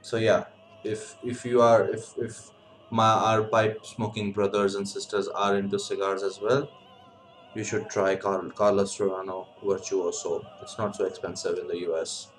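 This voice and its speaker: Halting Indian man, lower voice, over music. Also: flat delivery, low-quality recording. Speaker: video host, pipe and cigar hobbyist. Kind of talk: casual vlog chat.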